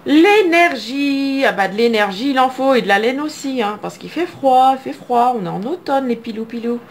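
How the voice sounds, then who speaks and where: A middle-aged woman from France, chatting away at home as she opens card packs and reads each name aloud. Her voice sits a little high, and a faint hum of room noise stays behind her the whole time. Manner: chatty, reading card names aloud, musing to herself. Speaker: mother opening card packs on camera. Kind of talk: casual card-opening commentary. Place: home, indoors.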